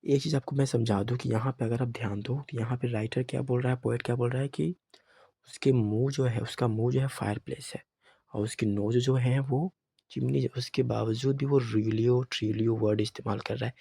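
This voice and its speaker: Young guy teaching a poem, hindi mix, husky fry in the voice, dry room. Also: medium pitch, steady tone, warm tone, no echo. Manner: mixes Hindi and English, reads poem lines slowly. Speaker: English teacher. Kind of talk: poem explanation lesson.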